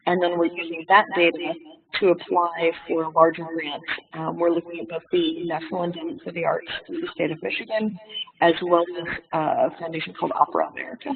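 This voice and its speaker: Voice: medium pitch, level tone, a little fast, creaky. Echoey presenter on a phone-like line. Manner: hesitant, with many fillers. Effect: reverb on the call audio. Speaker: webinar presenter. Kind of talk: webinar presentation. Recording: echoey, distant, phone-like webinar audio.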